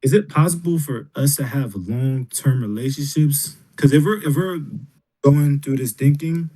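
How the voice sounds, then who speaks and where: A man's voice: on the high side, moderate pace, dark tone. A man co-hosting a podcast, easygoing in casual banter and calling people "bro". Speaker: podcast co-host.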